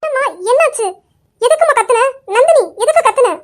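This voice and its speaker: A woman's voice: very high voice, fairly quick, voice pushed up. A woman voicing a fussing, placating middle-aged aunt, coaxing and anxious. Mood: worried. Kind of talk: amateur Tamil story drama.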